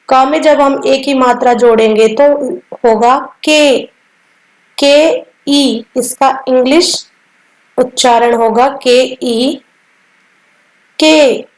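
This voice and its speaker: Woman teacher, high voice, slow deliberate lesson pace, repeats each sound, echoey room. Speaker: Hindi teacher.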